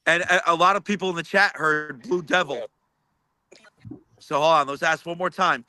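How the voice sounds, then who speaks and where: A man's voice: fairly high pitch, fairly even intonation, moderate pace, sharp tone, no echo. A man hosting a live paranormal session, repeatedly asking spirits questions and reporting faint sounds he hears.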